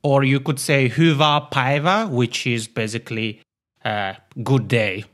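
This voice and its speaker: An Italian-accented man who lives in Finland is a guest on a podcast, chatting casually and laughing often in a friendly way. His voice is medium-pitched and a bit bright, with a steady tone at a normal speed.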